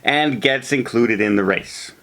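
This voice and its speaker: A man's voice: medium pitch, measured pace, creaky, a bit bright, rough recording. A man co-hosting a film review channel, chatting casually as he loosely retells and discusses a movie.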